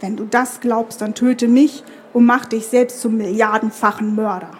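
A determined young tree woman in a fantasy tale, read aloud by a woman, speaking with firm and urgent conviction. The voice sits somewhat high, with a faint murmur of room ambience underneath. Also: fairly even intonation, moderate pace, a little mellow, a little hiss or hum, close to an everyday voice.

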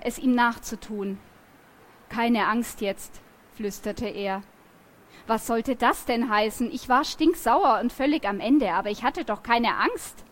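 Expressive woman reading a novel aloud. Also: on the high side. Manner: lively, expressive storytelling. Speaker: reader.

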